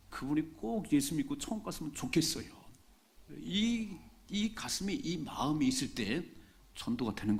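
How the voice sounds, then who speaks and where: A middle-aged man, a pastor, preaching a Sunday sermon in a church in a conversational way, repeating key phrases for emphasis. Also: mid-range voice. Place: church sanctuary during a Sunday service.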